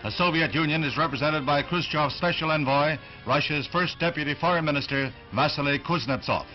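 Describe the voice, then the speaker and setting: A man narrating the news in an old newsreel, with a formal, dramatic announcer delivery, heard on dull lo-fi 1960s film audio. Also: mid-range voice. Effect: old newsreel sound. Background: music.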